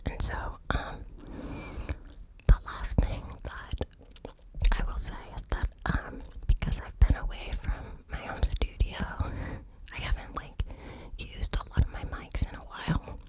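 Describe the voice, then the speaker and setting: An ASMR creator whispers into cupped hands close to the mic, moving ear to ear, in a hesitant, informal ramble. She speaks unhurriedly, and the recording quality is low.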